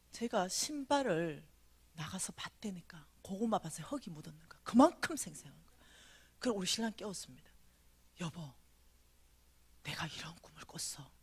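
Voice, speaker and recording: A middle-aged woman telling a dream story in a revival sermon, animated, acting out the voices and often dropping to a whisper. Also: mid-range voice, husky. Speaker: revival speaker.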